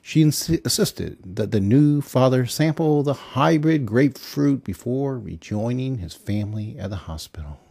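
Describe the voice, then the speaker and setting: A man narrating a novel chapter in a deadpan, dry delivery. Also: medium pitch, moderate pace, vocal fry, few pauses, husky, dry recording. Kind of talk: scripted audiobook narration.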